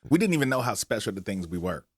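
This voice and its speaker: A man's voice: on the low side, sing-song, fast talker, breathy edge, no room sound, clean studio sound. A man in his forties co-hosting a casual podcast, easygoing and full of fillers. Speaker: podcast co-host, rapper. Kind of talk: casual chat.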